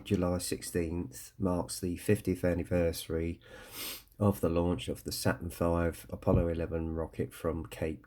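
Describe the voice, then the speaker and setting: A British man with a croaky, congested voice, sounding under the weather as he gives a halting, casual unboxing review. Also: deep voice, mellow. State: ill with a cold or hay fever, coughing. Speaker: scale model kit reviewer.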